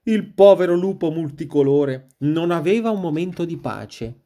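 A woman reading a children's story aloud in a slow, sing-song storytelling manner. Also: low voice, animated, mellow.

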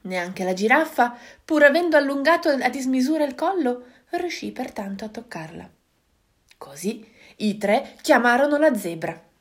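Expressive woman reading a children's story. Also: high voice, moderate pace. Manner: expressive, sing-song, dramatic hushes.

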